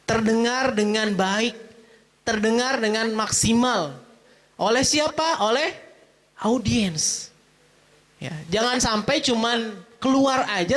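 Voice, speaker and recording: A man with a bright, high-sitting voice leads an animated workshop lecture. He fires off questions to the room and answers them himself, and he keeps things moving with a casual "gitu ya" at the end of his points. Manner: animated, with frequent "gitu ya" tags. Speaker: public speaking trainer. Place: mosque event hall.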